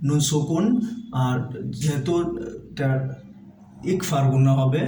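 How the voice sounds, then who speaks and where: A man from Bangladesh teaching Quran recitation, slowly chanting verses and then explaining pronunciation step by step. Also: a little high, dark tone. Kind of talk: slow explanatory lesson. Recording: echoey room, voice from a distance.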